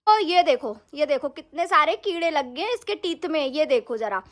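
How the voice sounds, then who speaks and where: A woman with a very high, bright, sharp voice plays the mother in a scripted family vlog skit. She scolds and lectures her child and turns to speak to the viewers. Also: expressive, moderate pace. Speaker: mother and vlogger.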